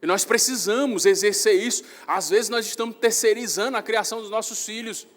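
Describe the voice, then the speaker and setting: A young man, a pastor with a Northeastern Brazilian accent, preaching a sermon in a church hall with animated storytelling that rises loud on emphasis. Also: sits high, fairly quick. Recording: reverberant church hall with faint music.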